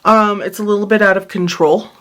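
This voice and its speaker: A woman's voice: mid-range voice, steady tone, fairly quick, a bit bright. A tired, short-of-breath woman chatting casually at home in a planner vlog, rambling and apologizing as she drifts off topic. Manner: rambling, apologetic, easily sidetracked. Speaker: planner vlogger.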